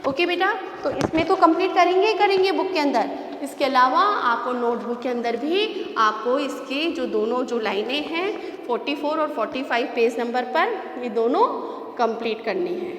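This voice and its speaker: A woman's voice: high-pitched, lively intonation, moderate pace, a bit bright, slight background noise. A woman primary school teacher giving a class lesson, patient, repeating and asking the children questions. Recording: echoey room with long reverb, faint ambience.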